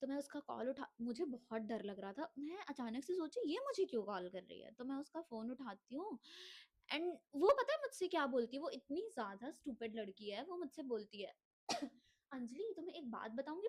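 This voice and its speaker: A woman's voice: high voice, very animated, moderate pace, darkish tone. A young woman with a cough telling her own life story in an earnest vlog monologue, mixing Hindi with English phrases. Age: young adult. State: unwell, coughing.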